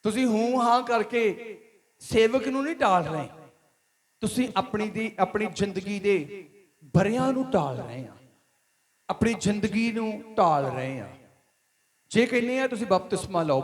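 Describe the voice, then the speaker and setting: Punjabi-accented male pastor, very high voice, emphatic repetitive sermon delivery. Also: expressive, normal speed. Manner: preaching with rising emphatic questions and repetition. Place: church hall.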